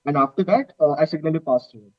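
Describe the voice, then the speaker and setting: A man's voice: on the high side, quick pace, dry recording. A young man from India, a student rocket team member, explaining a technical design over a video call, hesitant with many fillers, his volume uneven and cutting in and out. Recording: muffled, garbled video call audio.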